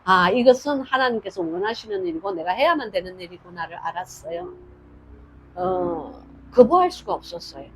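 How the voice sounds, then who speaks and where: A woman's voice: lowish voice, animated, moderate pace, fairly bright tone, slightly rough, poor audio. An older woman pastor preaching a sermon and telling a personal story, acting out dialogue with shifts in voice.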